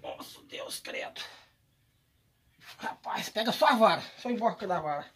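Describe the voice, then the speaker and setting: A man hosting a fishing vlog, exclaiming loudly and excitedly outdoors by a pond. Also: high-pitched, measured pace, a little hiss or hum. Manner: loud excitable exclamations, cheering at the catch. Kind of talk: excited live fishing commentary.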